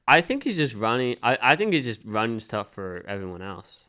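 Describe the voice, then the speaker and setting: Smooth-voiced man, halting chat. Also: medium pitch, big pitch swings, sharp tone. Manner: halting, full of restarts and repeated "like". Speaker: podcast co-host. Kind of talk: casual chat.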